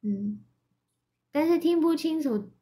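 Young woman, Japanese native, high voice, livestream chat, giggly, slow and easy. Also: lively intonation, dark tone. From Yamanashi, Japan. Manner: mixes Mandarin and Japanese, giggly, reads viewer comments aloud. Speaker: idol livestream host.

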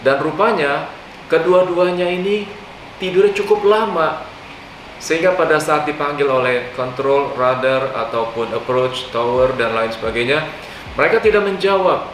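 Older male host explaining aviation incidents to camera in an animated way; recorded from across a roomy living room with a steady hum. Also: mid-range voice. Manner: animated, gesturing, mixes English aviation terms into Indonesian. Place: living room on a leather sofa, indoors. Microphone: far camera mic. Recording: echoey room, distant mic, hum.

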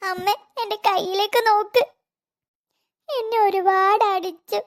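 A woman voicing a timid, frightened little girl in an animated cartoon, pleading and whimpering. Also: extremely high pitch, unhurried. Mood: hurt, timid.

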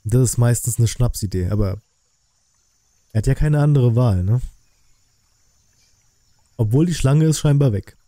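Slangy and casual, a reaction host in his thirties talks in a very dark, mellow voice of medium pitch. He takes his time, pausing often, and his intonation stays lively. The recording is close and dry with no room sound at all.

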